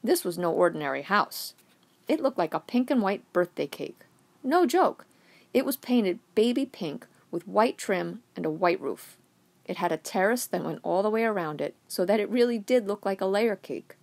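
A woman's voice: mid-range voice, animated, normal speed, gravelly, darkish tone. A woman reading a short story aloud in a wry first-person narration. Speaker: reader.

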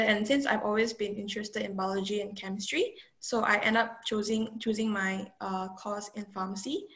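Soft-spoken young woman from Malaysia. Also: medium pitch. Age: young adult. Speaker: student panellist. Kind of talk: casual video-call chat. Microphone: video call.

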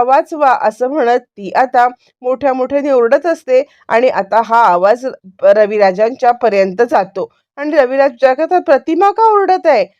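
A woman's voice: a little high, a little mellow, no echo. A woman casually retelling a TV serial's episode in a chatty, repetitive way, acting out the characters. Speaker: serial recap narrator. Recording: dry, slightly dull sound.

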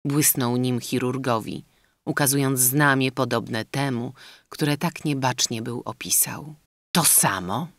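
A man's voice: mid-range voice, steady tone, fairly bright tone, no echo. Man reading a classic novel aloud. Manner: measured literary reading. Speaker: audiobook narrator. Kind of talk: scripted narration.

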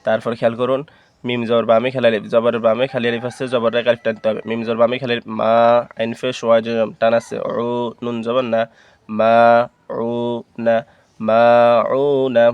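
Male reading teacher, even monotone, smooth clear tone, drills letters then joins syllables slowly. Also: mid-range voice, no echo, muffled recording. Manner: spells out letters and vowel marks, then blends them slowly. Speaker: Quran recitation teacher. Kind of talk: slow syllable-by-syllable Quran reading lesson.

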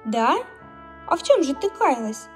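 A woman's voice: sits high, big pitch swings, a little slow, faint music behind. A woman voicing a kind, caring aunt in a children's storybook reading.

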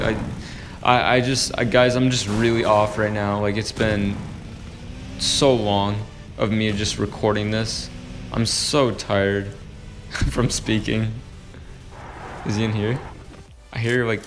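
A young man casually commentating his own mobile game, muttering to himself with sudden excited yelps and growing frustration. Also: lowish voice, normal speed, music in the background. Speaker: gaming channel host.

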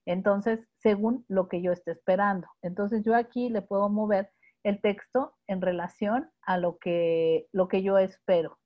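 A Mexican woman walks her audience through a live webinar one step at a time, patiently checking in with a quick "ok?". Her voice sits at a middle pitch for a woman. It comes through a video call with dull, lo-fi sound. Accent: Mexican Spanish. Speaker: instructor.

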